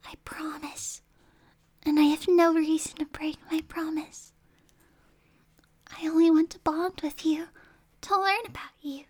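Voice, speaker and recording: A woman's voice: high-pitched, little pitch movement, measured pace, long pauses. A woman playing a whispering possessive supernatural girl. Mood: coaxing, menacing. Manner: mostly whispered, coaxing, suddenly snapping. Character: possessive, unstable young supernatural girl captor. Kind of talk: ASMR roleplay.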